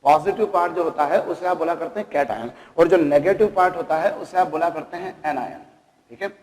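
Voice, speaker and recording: A man teaches chemistry, pausing to ask his students rhetorical questions and calling them kids. His voice sits high for a man. The sound carries a long reverb, as if recorded in a hard classroom. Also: darkish tone. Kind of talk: classroom lecture.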